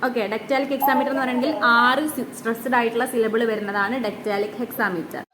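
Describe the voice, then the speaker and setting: A woman teaching a literature class, reading English lines slowly and then explaining them in her own words, with frequent "okay" fillers. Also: a little high, fairly even intonation, reverberant, a crowd in the background. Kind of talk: classroom lecture.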